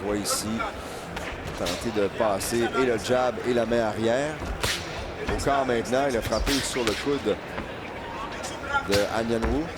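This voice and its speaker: A man's voice: mid-range voice, measured pace, long pauses. A man with a Quebec accent calling a boxing match live as play-by-play commentator. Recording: loud arena crowd and background noise. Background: roaring crowd in an arena.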